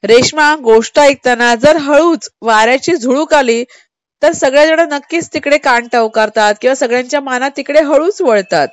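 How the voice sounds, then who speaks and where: A woman radio host chats casually with her co-host and explains things. Her voice is high, and the sound is close and dry. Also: normal speed, dry recording, faint music behind. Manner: chatty, explaining. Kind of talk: casual chat.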